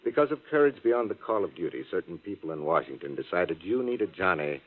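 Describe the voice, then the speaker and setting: An unflappable American detective in a 1940s radio serial. His voice is low, dry and laconic, with a wry deliberate turn. The sound is boxed in and tinny, like an old radio set. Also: sing-song. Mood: grave, kindly. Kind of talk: 1940s radio drama acting. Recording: narrow-band old radio broadcast.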